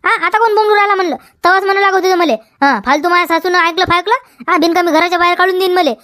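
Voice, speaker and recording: With a Vidarbha Marathi accent, a woman plays a defiant village wife in a comedy sketch, quarreling, repeating her questions and tacking on "हा?". Her very high, bright, forceful voice comes out rapid-fire in a steady tone, captured as a dry, clean studio recording.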